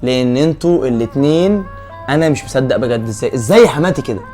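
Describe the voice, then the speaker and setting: A man playing a fast-talking indignant Egyptian husband. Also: medium pitch, lively intonation, a little mellow, faint music behind, natural voice. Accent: Egyptian Arabic. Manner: accusing, indignant. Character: wronged husband protecting his younger sister. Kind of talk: web drama acting.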